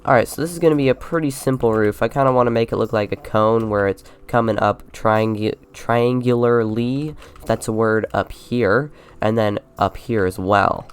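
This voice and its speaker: A young man with a congested, slightly sick voice, giving relaxed, rambling commentary on his Minecraft building. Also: lowish voice, moderate pace, hardly any pauses, clear, resonant tone. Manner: relaxed and rambling, with many fillers. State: congested from a low fever. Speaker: Minecraft YouTuber. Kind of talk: casual gameplay commentary.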